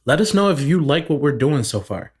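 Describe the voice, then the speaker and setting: A man's voice: fairly high pitch, sing-song, a little fast. Man around thirty, podcast co-host, loose swearing chat, laughs a lot. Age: 30s. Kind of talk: casual chat.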